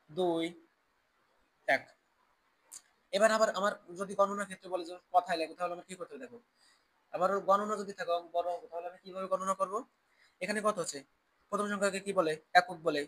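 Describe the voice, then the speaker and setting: Male teacher, a bit higher-pitched, with a patient, repetitive question-and-answer drill for children. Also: bright, forceful tone. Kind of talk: classroom math lesson.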